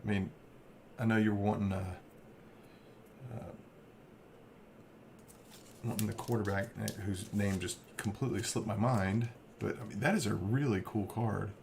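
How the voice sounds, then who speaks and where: A man's voice: lowish voice, fairly even intonation, measured pace, gravelly, long pauses, darkish tone. A man hosting a card break, casually rambling as he reads off player names. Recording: faint background noise.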